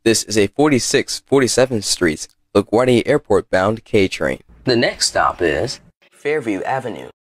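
A man's voice: lowish voice, animated, moderate pace, no echo, clean studio sound. A man reading scripted subway station announcements in clipped, formal phrases, like an automated system.

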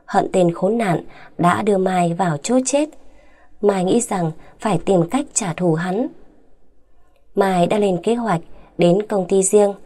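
A woman narrating a dramatic audio story with a steady, even delivery. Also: fairly low pitch.

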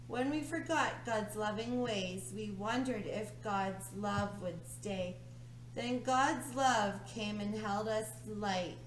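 A middle-aged woman leading a children's church lesson, reading a story slowly, clearly and soothingly. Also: medium pitch. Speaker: children's ministry leader. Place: church room with a round table, indoors. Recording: echoey room, faint hum.

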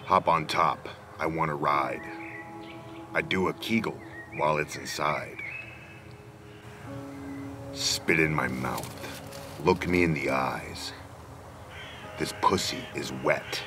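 Outdoors among trees, a man in his forties gives an emphatic, theatrical, mock-dramatic reading of rap lyrics over background music. His voice is extremely low and slow, with frequent pauses.

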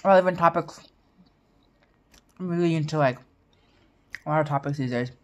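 A woman's voice: sits low, normal speed. A woman vlogger chatting casually to viewers while eating, humming between bites. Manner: chats between bites with eating sounds and hums. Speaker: mukbang vlogger.

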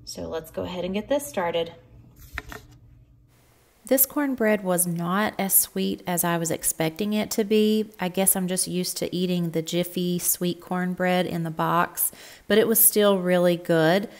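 Cooking vlog host, woman, slightly low voice, friendly step-by-step delivery. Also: unhurried, darkish tone. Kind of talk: cook-along voice-over narration.

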